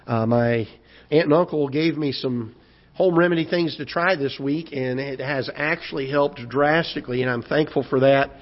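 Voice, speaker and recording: A pastor whose voice is hoarse and still recovering preaches a sermon in a church auditorium at medium pitch. He halts and repeats words at first, then rises as he preaches. The recording is a dull, lo-fi church broadcast.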